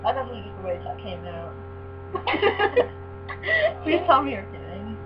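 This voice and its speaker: A young woman with a giggly, teasing way of talking that swings up and down in pitch. She chats casually and takes her time, on a muffled recording with a loud hum. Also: wildly swooping pitch, unhurried. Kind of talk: casual chat in a home burping-contest video.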